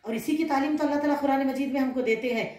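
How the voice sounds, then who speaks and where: A woman scholar delivers an earnest sermon to a gathering of women, posing rhetorical questions as she goes. Her voice sits a little high. The recording carries a roomy echo. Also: rapid-fire, a little mellow. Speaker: religious scholar.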